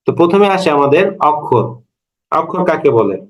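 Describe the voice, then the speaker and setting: A man's voice: fairly high pitch, expressive, normal speed, rough recording. A man in his thirties teaching a language lesson to a class, explaining step by step and asking his students questions. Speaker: Bengali language lecturer. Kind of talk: classroom lecture.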